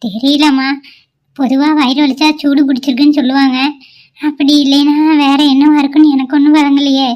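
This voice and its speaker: A woman's voice: sits high, little pitch movement, fairly quick, darkish tone, natural voice. A woman voicing an anxious, caring middle-aged mother-in-law in a cartoon, soothing and fretful by turns. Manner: soothing, fretful, calls on god. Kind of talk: cartoon voice acting.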